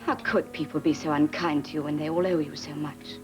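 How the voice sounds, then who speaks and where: A woman's voice: low-pitched, fairly even intonation, fairly quick, lightly acted. A woman playing an eager young dress designer. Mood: earnest, caring. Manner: eager, earnest and deferential. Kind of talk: 1950s film acting. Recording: old film soundtrack with music.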